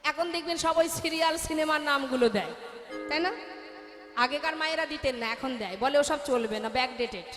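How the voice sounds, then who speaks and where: A woman telling a devotional story in a kirtan sermon, in a lively way, chanting refrains and speaking to her listeners as mothers. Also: high voice, fairly quick. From Bengal. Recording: echoey hall with music.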